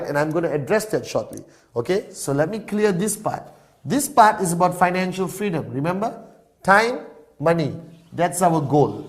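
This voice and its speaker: Emphatic man lecturing. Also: a little high. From Malaysia. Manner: emphatic, punctuates every point with "all right?". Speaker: business presenter. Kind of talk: whiteboard business lecture.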